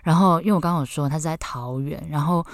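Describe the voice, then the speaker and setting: A young adult woman with a Taiwanese Mandarin accent, hosting a podcast and telling a personal story in an animated, incredulous way, often tossing in "OK". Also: low voice, fast talker, no echo, clean studio sound. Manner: animated, incredulous, peppers speech with "OK". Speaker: podcast host.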